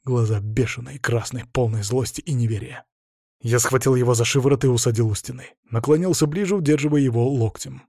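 Dark, husky male audiobook narrator. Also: mid-range voice, fairly quick, no echo, studio quality. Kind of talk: first-person scripted narration.

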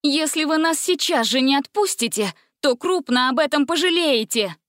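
A woman's voice: animated, moderate pace, dry recording, studio quality. A woman voicing a frightened but feisty young girl held prisoner in a storybook. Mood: desperate. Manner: high, pleading, exasperated.

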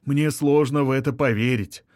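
A man's voice: medium pitch, fairly even intonation, normal speed, darkish tone, dry recording, clean studio sound, close to an everyday voice. A man playing a middle-aged violinist, a pushy suitor who wheedles and sulks and turns spiteful. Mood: resentful. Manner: wheedling, offended, turning menacing. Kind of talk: audiobook character reading.

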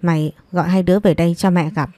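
A woman's voice: fairly low pitch, fairly even intonation, fast talker, warm tone, no room sound, close to an everyday voice. A woman voicing a frail, sick grandmother over sixty who pleads plaintively to see her family. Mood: longing.

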